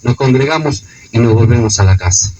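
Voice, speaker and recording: A man's voice: medium pitch, animated, a little fast, dark tone, dull audio, a little hiss or hum. Male preacher, Rioplatense accent, sermon storytelling, frequent tag questions, mic at a distance. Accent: Rioplatense Spanish. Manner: retells scripture stories, often adds a questioning "no?".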